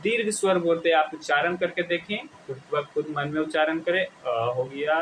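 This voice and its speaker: A man teaching a Hindi grammar lesson for exam prep, asking questions and answering them himself, and slowly stretching words out as he goes. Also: on the high side, a bit bright, a little hiss or hum, poor audio.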